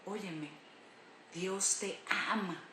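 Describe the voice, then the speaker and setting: A woman's voice: medium pitch, very slow, sharp tone, a little hiss or hum. A woman pastor preaching a sermon in an emphatic way, repeating her key phrases. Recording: roomy echo.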